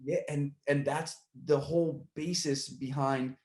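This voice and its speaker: This man's voice is fairly high, with fairly even intonation, a measured pace, and a slightly mellow quality, captured in an echoey room. He hosts a podcast and speaks casually in long, rambling runs full of restarts, growing heated as he recounts a story. He comes from the Puerto Rican side of his family.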